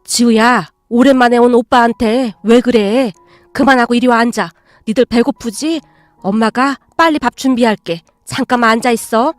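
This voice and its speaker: Woman playing a gentle stepmother, soft, soothing, old-fashioned speech, faint music. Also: fairly high pitch, moderate pace, no echo, natural voice. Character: gentle, long-suffering middle-aged stepmother.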